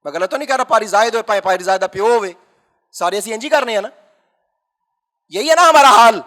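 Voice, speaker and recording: A pastor with a high, ringing voice preaches to his congregation. He keeps asking them questions and swings from forceful, raised lines to low, quiet asides. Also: expressive. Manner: swings between loud emphatic bursts and low quiet asides. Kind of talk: sermon.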